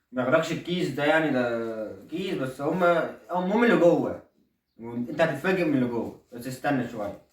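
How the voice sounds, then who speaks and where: Brief: man as boastful Egyptian comedy-sketch dad, fast talker, echoey far-off room sound. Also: mid-range voice, lightly acted. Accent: Egyptian Arabic. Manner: boastful, coaxing, keeps saying look. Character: middle-aged Egyptian dad, stingy, boastful salesman of cheap shirts. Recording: roomy echo, voice far from the mic.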